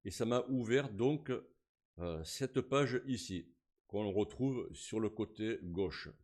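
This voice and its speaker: A man walks through a screen-recorded software tutorial. He talks casually and narrates each click, with plenty of fillers. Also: fairly low pitch, lively intonation, slow. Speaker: tutorial host.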